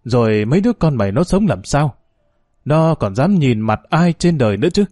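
A man's voice: mid-range voice, very animated, moderate pace, mellow, no room sound, clean studio sound, soft background music. A man voicing a stern, blunt old village man. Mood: threatening. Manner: blunt, scolding, rough address.

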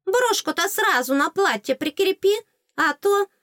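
A woman voicing a small, cheeky female tooth fairy with a squeaky, teasing, excitable voice in an audiobook. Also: unhurried, dry recording, studio quality, heavily acted. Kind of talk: audiobook character voice.

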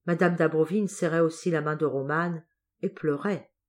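A woman narrating an audiobook of a classic novel in a measured, expressive reading. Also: low voice. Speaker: audiobook reader.

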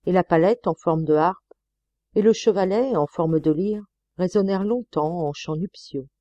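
A woman reading a novel aloud as an audiobook narrator, measured and expressive, on a close mic. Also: fairly low pitch, no room sound, muffled recording. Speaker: audiobook reader.

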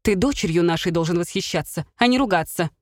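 A woman's voice: fairly low pitch, lively intonation, quick pace. A woman doing a blustering middle-aged father. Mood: exasperated.

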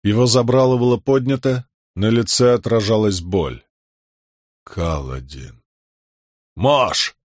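A man reading a fantasy audiobook in a measured, steady narration. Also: mid-range voice, no echo, studio quality. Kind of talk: scripted narration.

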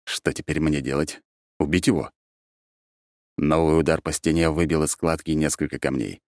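A man narrating an audiobook in first person with an expressive, animated reading. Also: a bass voice, moderate pace, dry recording, clean studio sound.

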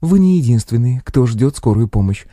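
A man's voice: mid-range voice, lively intonation, normal speed, warm tone, no echo, studio quality, pitched above the performer's own voice, lightly acted. A man voicing an elderly, bossy female paramedic who speaks curtly in a lecturing, teacherly tone. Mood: stern.

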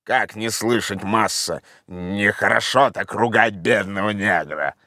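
A man voicing a timid, simple old male servant in an audiobook, calling down slowly and plaintively. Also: mid-range voice, expressive, a bit bright, no room sound, clean studio sound. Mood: grumbling. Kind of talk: audiobook character voice.

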